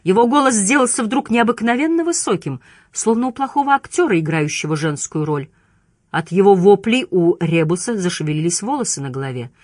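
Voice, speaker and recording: A woman narrating an audiobook in a steady storytelling manner. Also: mid-range voice, brisk, no echo, clean studio sound.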